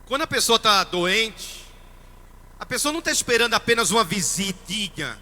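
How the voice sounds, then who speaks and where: High, bright-voiced Brazilian priest preaching. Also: male voice, expressive, normal speed. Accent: Brazilian Portuguese. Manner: emphatic, questions the congregation. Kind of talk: sermon. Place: church. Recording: reverberant church hall.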